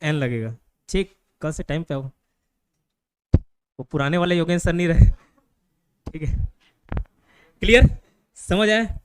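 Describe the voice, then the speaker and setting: A man from India teaching a grammar class to students in a classroom, constantly checking that they follow with quick questions. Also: fairly high pitch, lively intonation, clear, resonant tone, dry recording.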